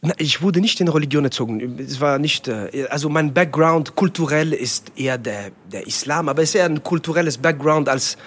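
This comedian and actor, half French and half Tunisian, grew up in Germany with French as his first language. Chatting casually in an interview, he restarts often and leans on fillers. His voice is a little high and a bit bright, moving fairly quickly with few pauses.

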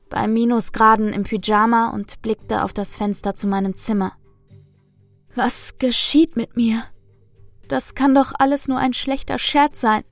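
A woman narrates a first-person ghost story in a measured, suspenseful way. Her voice sits close and dry, with faint music underneath. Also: a little high, dry recording. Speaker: storyteller reading listener stories.

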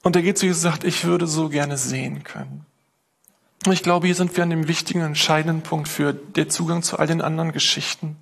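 A man preaching a sermon in a lively storytelling way, acting out quoted prayers and voices. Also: a little high, quick pace, hardly any pauses, slightly rough. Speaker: pastor.

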